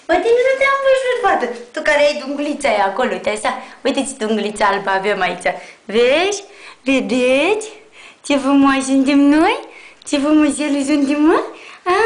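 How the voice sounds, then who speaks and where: A woman with a Romanian accent talks to her puppies in a casual home video, cooing baby talk, filmed on a camera someone else holds. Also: on the high side. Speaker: puppy owner. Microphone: camera held by someone else. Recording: echoey room, camera off at a distance, faint noise.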